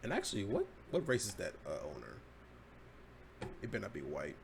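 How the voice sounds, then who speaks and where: A man with a lowish voice hosts a casual podcast, reading headlines and riffing on them in a loose, laid-back way that slips into swearing. A faint hiss sits under the recording. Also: huge pitch swings, a little fast, vocal fry. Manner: laid-back, swears and laughs at his own jokes. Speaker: podcast host.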